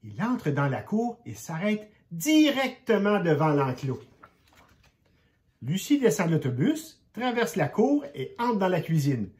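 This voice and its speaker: An older grandfather reads a picture book aloud to children. His voice sits a little high and moves expressively, and he drops to a hush for suspenseful moments. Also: sing-song, measured pace. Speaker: grandfather storyteller.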